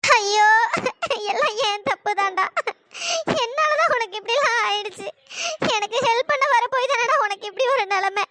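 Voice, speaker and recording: Young cartoon heroine, very high squeaky voice, bright and sharp, sobbing pleas. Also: female voice, animated, fast, few pauses. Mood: tearful. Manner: pleading and sobbing. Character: young woman heroine, emotional and tearful. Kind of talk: cartoon storytelling dialogue.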